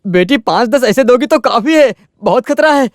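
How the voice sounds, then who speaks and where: A man's voice: very high-pitched, animated, normal speed, no room sound, studio quality. A male voice actor dubbing a broke, naive village man who keeps begging for money, in a comic pleading manner. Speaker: poor debtor villager. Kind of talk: Hindi film dubbing.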